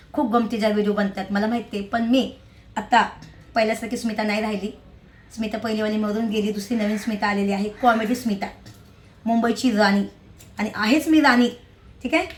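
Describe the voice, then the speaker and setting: A middle-aged woman vlogging casually, chatty and emphatic, often asking her viewers if they agree. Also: medium pitch. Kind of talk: casual rambling vlog to viewers.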